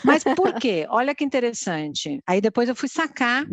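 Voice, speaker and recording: A middle-aged woman sex therapist chats on a podcast and tells stories in an animated way, acting out her son's lines. Her voice sits fairly high. The sound is dry and close. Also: normal speed, no room sound. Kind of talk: casual podcast chat.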